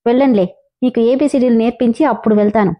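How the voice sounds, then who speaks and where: A woman's voice: a little high, steady tone, fast, dull audio, lightly acted. A woman voicing a bossy young boy who scolds but looks after a little girl, in a storybook reading. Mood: scolding.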